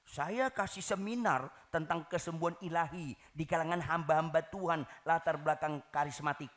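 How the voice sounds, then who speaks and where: A male pastor preaching a sermon to a congregation in a lively, teasing way, often shouting the punchlines. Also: on the high side, normal speed. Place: church hall.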